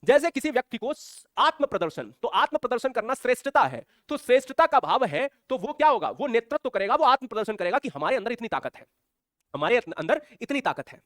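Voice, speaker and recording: A man teaching a live online class in mixed speech, lively and teasing, calling out viewers by name as he explains. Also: very high voice, brisk, no room sound, studio quality.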